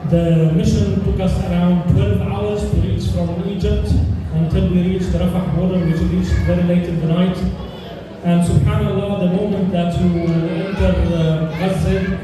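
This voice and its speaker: A high-voiced man from Palestine speaks earnestly to a dinner crowd, pausing often as he gathers his words. The sound is distant and roomy, with long reverb from a large hall and audible background noise. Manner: earnest, measured delivery with frequent pauses and fillers. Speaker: charity dinner speaker, doctor. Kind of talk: speech at a fundraising dinner. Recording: echoey hall, distant mic, noisy.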